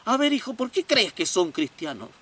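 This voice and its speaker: A man's voice: sits high, sing-song, moderate pace, pushed and bright, breathy edge, distant mic, voice pushed up, exaggerated voice. A man doing a weary, exasperated father. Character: tired, impatient father driving.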